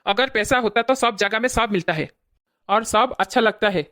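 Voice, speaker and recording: A woman's voice: on the high side, moderate pace, fairly bright tone, dry recording, lightly acted. Blunt, scolding woman playing a brother. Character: irritated brother defending his wife. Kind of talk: comedy skit acting.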